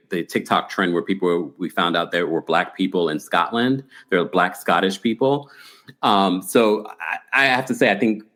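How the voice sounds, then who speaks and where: A man from the United States co-hosting a casual chat, chiming in conversationally with quick facts. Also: deep voice, a bit bright. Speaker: podcast co-host.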